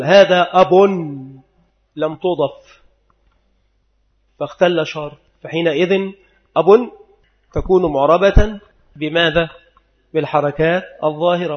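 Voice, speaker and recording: A man teaching Arabic grammar in a methodical lecture, repeating each rule and slowly sounding out the examples. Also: sits high. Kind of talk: explanatory lecture. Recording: dull lo-fi recording.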